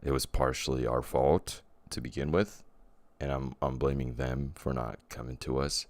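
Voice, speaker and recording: Male podcast co-host with a very deep voice and a dry, close sound; loose, rambling talker who keeps restarting. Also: steady tone, normal speed, darkish tone, dry recording. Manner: rambling, often restarts and corrects himself. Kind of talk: casual chat.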